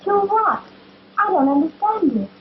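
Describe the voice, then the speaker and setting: A young small-town shopgirl in an early talkie film, polite and naive. Her voice is high-pitched. The old 1930 soundtrack is dull, with clear noise over it. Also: very animated, measured pace, exaggerated voice. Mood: polite, coy.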